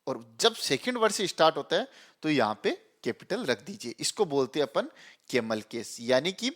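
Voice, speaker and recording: A young man explains programming step by step, in a voice pitched a little high. He keeps things conversational, tossing out questions and answering them himself. He fills the gaps with easy check-ins as he types. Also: big pitch swings, normal speed, a bit bright. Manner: chatty, repeats "theek hai" and "chalo"; asks and answers his own questions. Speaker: programming teacher. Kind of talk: screen-recorded coding lesson.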